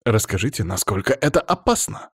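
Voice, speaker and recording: A man's voice: fairly low pitch, very animated, fairly quick, a bit bright, slightly rough, dry recording, clean studio sound, full character voice. A man voicing a slick, pushy young male TV reporter with an eager, insistent manner.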